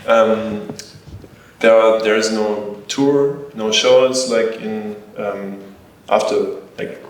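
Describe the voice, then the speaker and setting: Halting man, slow, echoey. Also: lowish voice, fairly even intonation. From Germany. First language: German. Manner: halting, many fillers, searching for words. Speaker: band member, guest. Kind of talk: casual panel interview. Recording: echoey hall, distant mic, faint noise.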